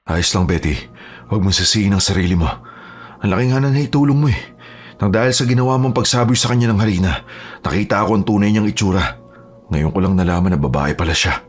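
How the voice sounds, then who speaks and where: A steady aswang hunter in a horror audio drama, played by a man, firm and reassuring. His voice is low and breathy-husky, and he talks fast. Faint music plays behind. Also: natural voice. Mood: calm.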